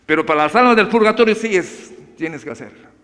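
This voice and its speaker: A man's voice: animated, brisk, bright, forceful tone. A preacher voicing a pushy male indulgence seller who wheedles and pleads with buyers, in an echoey church hall. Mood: pleading. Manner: wheedling sales pitch.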